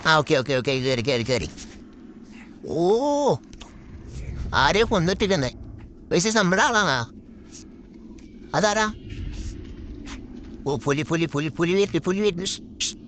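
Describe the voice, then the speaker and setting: Excitable young man calling gameplay. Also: a little high, slight background noise. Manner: excitable, repeats words in quick bursts. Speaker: gaming channel host. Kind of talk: live gameplay commentary.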